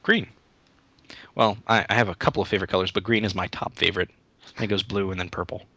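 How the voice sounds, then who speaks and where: A man's voice: low voice, steady tone, fast, bright, forceful tone, husky, no room sound. A young man answering interview questions in a casual, rambling way, often restarting his sentences. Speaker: YouTube Let's Play creator, interview guest.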